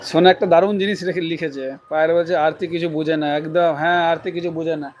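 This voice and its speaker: A man's voice: on the high side, steady tone, fairly quick, dull audio, a little hiss or hum. Man chatting on a phone live stream. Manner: reads out viewer comments and answers them teasingly. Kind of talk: casual live-stream chat reading viewer comments.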